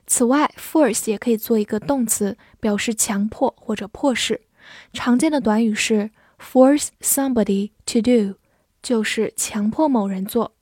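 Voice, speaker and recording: A woman teaching English vocabulary, spelling out words and reading example sentences slowly and carefully. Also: a little high, a little mellow, no echo, studio quality. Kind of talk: vocabulary lesson.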